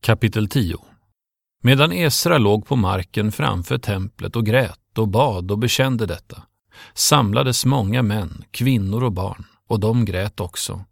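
A low, gravelly male voice reads scripture aloud in a steady, measured way. The sound is close and dry, with no room around it. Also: no echo. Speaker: scripture reader. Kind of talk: scripted Bible reading.

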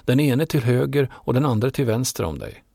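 A man's voice: medium pitch, expressive, creaky, warm tone, dry recording, studio quality. A man voicing two male disciples, speaking in an eager, asking way.

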